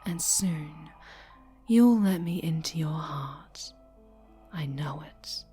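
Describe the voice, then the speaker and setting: In an intimate ASMR roleplay, a woman voices a sinister dark-angel superhero who dotes obsessively, cooing and whispering with sweet menace. Her low-pitched, expressive delivery moves slowly over soft background music, sounding obsessive and seductive.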